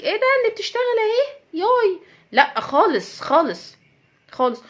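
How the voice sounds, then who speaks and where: A fast-talking woman with an Egyptian accent gives direct advice to women, earnest and emphatic. She drives her points home by repeating them, and her voice sits a little high. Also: a bit bright. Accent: Egyptian Arabic. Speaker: host giving advice to women. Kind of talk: direct-address advice talk.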